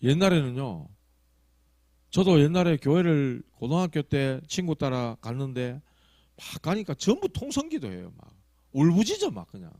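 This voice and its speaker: A male pastor with a Gyeongsang accent preaching a sermon, telling stories that swing from loud emphasis to hushed asides. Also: on the high side, very animated, moderate pace, dry recording. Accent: Gyeongsang Korean. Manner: acts out quoted prayers and tongues.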